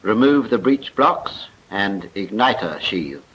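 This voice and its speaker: For a film voice-over, a British man with a lowish, slightly rough, fairly bright voice speaks slowly with big swings in pitch. The narration is scripted, formal and precise, in the manner of a 1940s military training film, and the soundtrack is muffled and noisy from that era.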